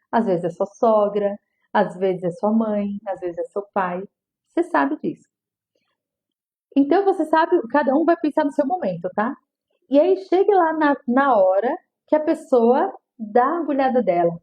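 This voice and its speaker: Woman coaching, high voice. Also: muffled recording. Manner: warm coaching, rhetorical questions, repeats phrases. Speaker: family constellation teacher. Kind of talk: teaching talk to an audience.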